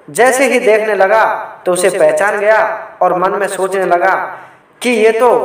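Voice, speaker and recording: Guy telling an old village folk tale, stops to explain customs, super echoey room. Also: sits high. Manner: keeps addressing listeners while narrating; steps out of the story to explain customs. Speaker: storyteller. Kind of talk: oral folk storytelling. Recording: very echoey, from far off the mic.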